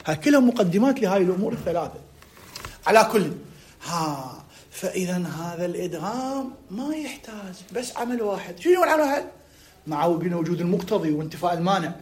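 A man with an Iraqi Arabic accent teaching a classroom lesson, dictating slowly with drawn-out words and quizzing his students. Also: high voice, big pitch swings.

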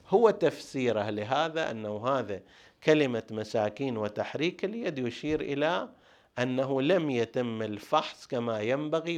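A male teacher delivers a lecture on religious law at an ordinary, middle pitch. He works through each point step by step, pausing on rhetorical questions before he answers them. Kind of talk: jurisprudence lecture.

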